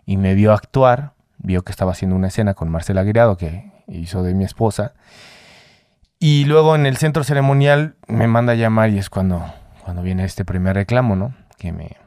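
A man in his forties, an actor, telling lively anecdotes in a casual interview. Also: a little fast, no room sound, clean studio sound. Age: 40s. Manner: animated anecdotes, mimics others with a higher voice. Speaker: actor guest.

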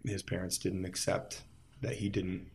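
A man from Las Vegas talks as a guest in a casual interview, his voice sitting a little low. He rambles through his stories, piling up fillers as he goes. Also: completely flat delivery, unhurried. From Las Vegas, United States. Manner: rambling, filler-heavy storytelling with many "like"s.

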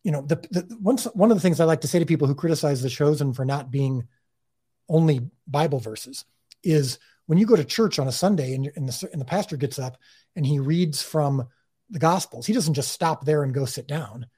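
Man, husky voice, somewhat high pitch, earnest interview talk, lots of restarts. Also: fairly quick, mellow. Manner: earnest, many restarts and repeated words. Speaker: creator of a faith-based TV series, interview guest.

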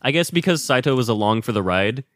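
A man's voice: medium pitch, lively intonation, quick pace, a bit bright, dry recording, clean studio sound. A young man co-hosting a casual film chat, joking around with frat-bro slang and swearing. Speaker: podcast co-host. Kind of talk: casual banter about a film.

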